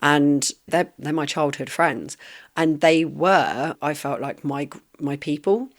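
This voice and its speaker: A woman from Essex, England, hosting a podcast and telling a story in a blunt, animated way, swearing freely and laughing as she goes. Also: sits low, slow. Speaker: podcast host. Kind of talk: casual storytelling monologue.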